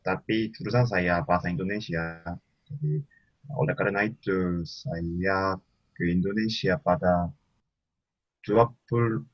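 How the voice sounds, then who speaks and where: A man from South Korea, a native Korean speaker with a Korean accent, chatting haltingly in a second language as a guest. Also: low voice, no echo, dull audio. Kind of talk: casual discussion.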